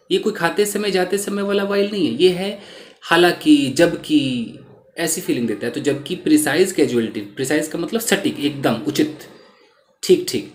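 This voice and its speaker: A man teaching English in Hindi, reading lines from a news article slowly and then explaining the meaning of each word. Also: a little high. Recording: roomy echo.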